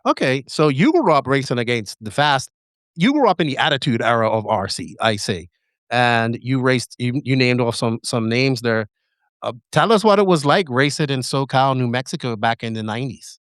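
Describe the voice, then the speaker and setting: Podcast host: man, clear smooth voice, dry close sound, casual and rambling. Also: mid-range voice, expressive, moderate pace, fairly bright tone, no room sound. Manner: loose, rambling questions. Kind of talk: casual interview hosting. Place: remote, virtual studio.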